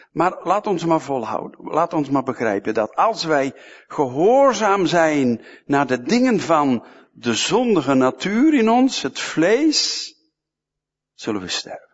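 A man's voice: on the high side, slightly rough. A man preaching a sermon, emphatic and fond of repeating short phrases, in a church hall, with a dull, echoey sound.

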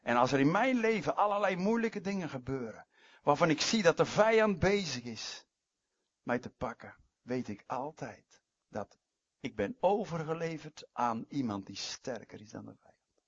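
A husky-voiced male preacher delivering a sermon, leaning hard on some words and dropping to near-whispers on others. The recording is dull and lo-fi with a dry, close sound. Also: a little high, expressive, moderate pace, no echo. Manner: emphatic, swinging between loud stresses and quiet asides.

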